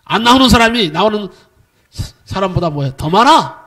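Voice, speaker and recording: A man's voice: high-pitched, lively intonation, fairly quick. A middle-aged male pastor preaching a sermon, emphatic, firing rhetorical questions at the congregation and acting out quoted voices. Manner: acts out quoted voices with sudden swings in loudness.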